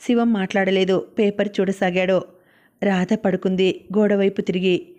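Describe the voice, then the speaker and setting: A woman narrating a novel as an audiobook in a steady, even reading. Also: mid-range voice, normal speed.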